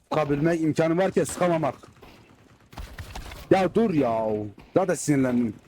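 A man with a mellow, darkish voice gives casual gameplay commentary from his home setup. He is excitable and curses freely when the game frustrates him. Faint game gunfire sits behind him. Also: fairly high pitch, moderate pace, slight background noise. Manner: says he slips into dialect when angry. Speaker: gaming YouTuber.

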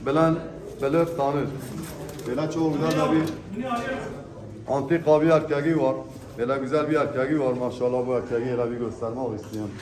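A man giving an unscripted auctioneer's sales pitch, presenting lots in an emphatic way and repeating his phrases. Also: steady tone, fairly quick, pauses often, a crowd in the background. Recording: echoey room with background noise. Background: birds, pigeons.

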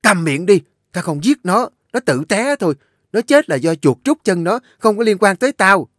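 A scheming young wife loses control in this audio story, shrieking high and wild, as a man puts her on. Her sharpens every accusation, and the voice sits in a dry, close space. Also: big pitch swings, moderate pace, a bit bright, no room sound, exaggerated voice. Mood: hysterical. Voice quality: shrill, shrieking.

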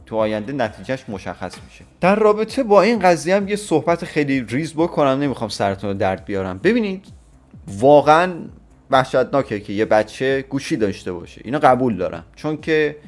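A man's voice: mid-range voice, big pitch swings, faint music behind. A man in his twenties from Iran giving blunt, opinionated reaction commentary with crude slang. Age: 20s. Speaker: YouTuber reacting to a clip.

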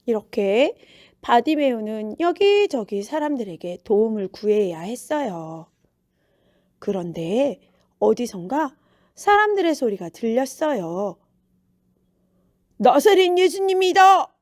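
A woman preacher telling a Bible story to young children in a gentle, sing-song storytelling way. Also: on the high side, big pitch swings, a little slow, dry recording, clean studio sound.

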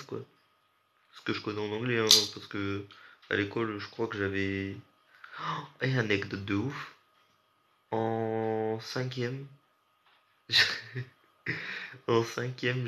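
A man's voice: on the low side, a bit bright. A young man from France, sleep-deprived, chatting with viewers on a late-night stream in a rambling, slangy way. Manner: rambling, slangy, talks straight to chat. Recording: muffled lo-fi audio with faint hiss.

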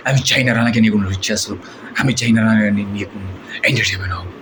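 A man voicing a menacing, swaggering movie villain gang boss with a Bangladeshi accent and drawn-out threatening taunts. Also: lowish voice, lightly acted. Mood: cold threats. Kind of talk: film villain dialogue mimicry. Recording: noisy amateur recording.

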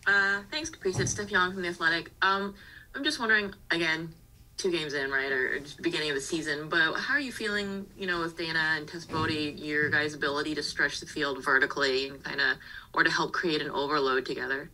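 Deep-voiced woman reporter asking questions. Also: a little fast, pushed and bright, a little hiss or hum, low-quality recording. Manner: long rambling questions. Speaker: sports reporter. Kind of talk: press conference question.

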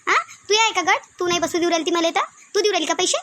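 A woman voicing a defiant village woman who snaps back at her accusers, with a Varhadi Marathi accent and sharp retorts. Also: very high-pitched, fast talker, a little hiss or hum.

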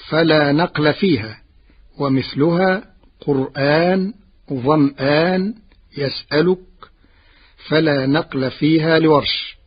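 Slow husky man on old radio. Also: fairly high pitch. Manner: slow, measured, deliberate delivery. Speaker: radio Quran recitation teacher. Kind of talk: formal broadcast explanation of recitation variants. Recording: dull archival radio broadcast.

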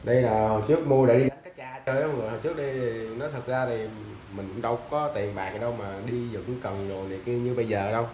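Young man, casual seller pitch, loose and chatty, mid pitch, recorded on a phone in an echoey tiled room. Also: quick pace, hardly any pauses, warm tone, a little hiss or hum. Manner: loose and chatty, fumbling for brand names, often calling out to viewers. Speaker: seller of used fishing gear. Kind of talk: casual sales talk to camera. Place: tiled indoor floor of a house, sitting down.

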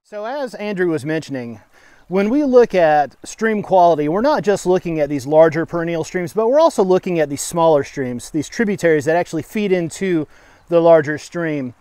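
A middle-aged man working as a forester, explaining outdoors by a creek in a steady, plain-spoken way with occasional fillers. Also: on the high side, moderate pace, clear, resonant tone, dry recording. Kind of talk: on-site educational explanation.

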